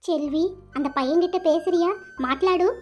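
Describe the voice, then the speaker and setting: A woman voicing a gentle elder sister-in-law who urges a younger woman to talk, in a cartoon. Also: very high-pitched, normal speed, faint music behind. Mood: coaxing. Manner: coaxing, motherly.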